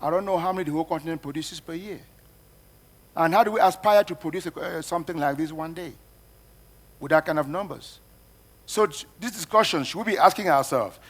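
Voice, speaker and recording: A man's voice: a little high, a bit bright. A man from Cameroon moderating a panel discussion, speaking emphatically and repeating phrases for effect.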